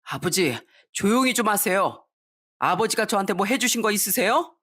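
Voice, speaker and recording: A woman's voice: medium pitch, expressive, normal speed, fairly bright tone, breathy edge. A woman voicing an arrogant adult son who talks back coldly and cuttingly to his parents. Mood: cold defiant. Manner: cold, cutting.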